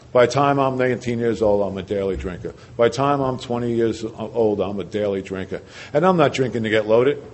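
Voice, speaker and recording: New man at a podium sharing his recovery story, repeating phrases and questioning the room, average pitch. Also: a little mellow. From New Jersey. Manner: earnest storytelling with rhetorical questions and repetition. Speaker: recovery speaker. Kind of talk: personal recovery story told to a meeting.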